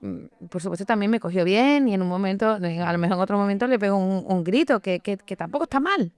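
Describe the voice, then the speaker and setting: A woman's voice: mid-range voice, darkish tone, clean tone, no echo. Earnest woman, podcast co-host. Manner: earnest, measured, explains with examples. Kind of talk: reflective podcast conversation.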